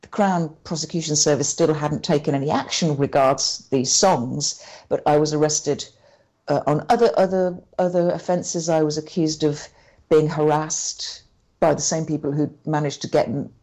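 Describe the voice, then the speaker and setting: A woman talking as a guest in an interview, recounting events in a halting way and often restarting her sentences. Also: low-pitched, steady tone, dark tone. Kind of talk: conversational interview.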